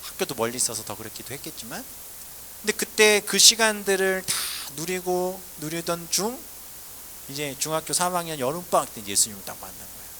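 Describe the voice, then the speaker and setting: A male pastor, likely in his forties and from South Korea, telling his own testimony in a sermon, swinging between loud exclaiming and hushed asides. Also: fairly high pitch, very animated, a little fast, slight background noise.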